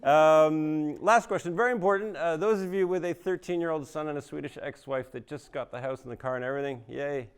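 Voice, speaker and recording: A middle-aged man from Canada doing live stand-up before an audience, dry and self-mocking, jumping into high squeaky voices for his impressions. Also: brisk, few pauses, smooth. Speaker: stand-up comedian.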